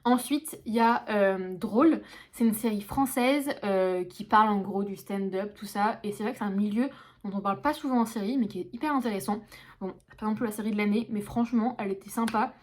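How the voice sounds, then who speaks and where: A woman's voice: medium pitch, a little fast, darkish tone. Young woman, casual vlogger, slangy and filler-heavy delivery. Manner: chatty, slangy, many fillers. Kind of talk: casual vlog chat to camera.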